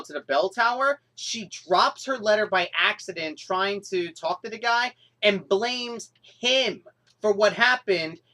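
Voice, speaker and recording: A young woman vlogger reviewing a cartoon episode in an exasperated, animated rant with sudden outbursts. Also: medium pitch.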